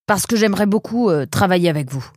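With a lowish voice and a fast delivery, a woman plays an eager young male creature in a storybook reading, stammering excitably and filling his lines with "euh". The sound is clean studio audio without echo.

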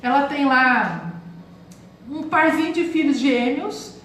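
A woman's voice: sits high, lively intonation, slow, a bit bright. A Brazilian woman in her forties, hosting a reflective spiritual talk and often calling her listeners "gente". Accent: Brazilian Portuguese. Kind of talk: live-streamed motivational talk. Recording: very echoey room, faint hiss.

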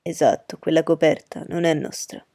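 A woman voicing a calm grown father, speaking low, measured and kindly but firm in an audiobook. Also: no room sound, studio quality. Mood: firm, gentle. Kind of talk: audiobook reading.

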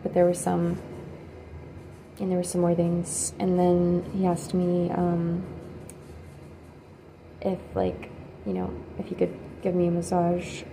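A woman quietly telling a personal story in a hesitant, halting way, pausing often. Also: on the low side, background noise. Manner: hesitant and halting, with many pauses and fillers; quiet, subdued recounting. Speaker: video creator.

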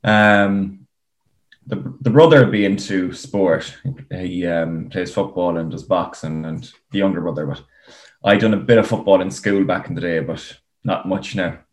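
A man's voice: low-pitched, moderate pace. A man with an Irish accent talking casually as a guest in an interview. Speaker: podcast guest, para rower. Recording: roomy, echoing sound.

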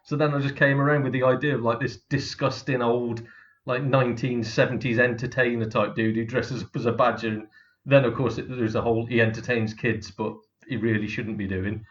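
A man's voice: medium pitch, fairly even intonation, fairly quick, highs cut off. A man, a comedian, chatting casually and bluntly about his career, swearing freely and laughing through his stories. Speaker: comedian guest. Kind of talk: casual podcast chat.

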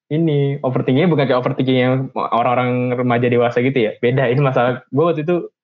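A young man chatting casually in slang, his voice jumping up as he tells a story. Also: fast. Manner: slangy, animated when telling stories, pitch jumps up. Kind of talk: casual chat. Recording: dull, lo-fi sound.

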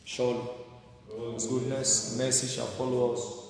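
A pastor leads morning prayer through a pulpit microphone, exhorting the congregation with repeated phrases and questions aimed at them. His voice is mid-range, gravelly and fairly flat at a normal pace. It was recorded with a distant mic in an echoey hall, with faint ambience and slight background noise.

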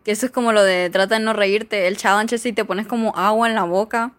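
A woman's voice: mid-range voice, fairly even intonation, a little fast. A young woman, chatting casually as she reads jokes aloud, giggly and full of fillers. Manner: giggly, chatty, filler-heavy, mock-exasperated. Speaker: vlogger reading jokes.

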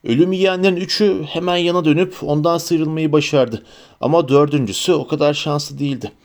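Expressive male audiobook narrator. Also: on the high side. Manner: expressive storytelling. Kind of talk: audiobook reading.

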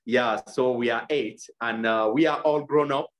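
A man's voice: medium pitch, fairly even intonation, normal speed. Earnest young man from Cameroon. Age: young adult. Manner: earnest, many fillers and restarts. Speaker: guest. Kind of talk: interview over video call. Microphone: video call.

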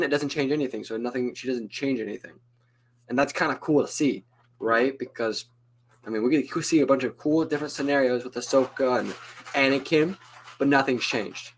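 A man co-hosting a casual fan podcast, opinionated and rambling, tagging his points with filler questions. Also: medium pitch. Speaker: podcast co-host.

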